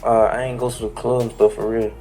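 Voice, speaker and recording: A man's voice: medium pitch, flat delivery, fast talker, dark tone, distant mic. A man testifying as a witness under cross-examination, repeating himself insistently and growing heated when pressed. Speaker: trial witness. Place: large courtroom. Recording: echoey courtroom audio with music over it.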